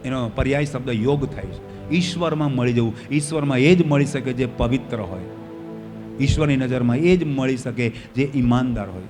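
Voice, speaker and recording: A male pastor preaching a sermon in a church hall, his voice often swelling loud with fervor. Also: medium pitch, normal speed. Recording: long hall reverb, faint music behind.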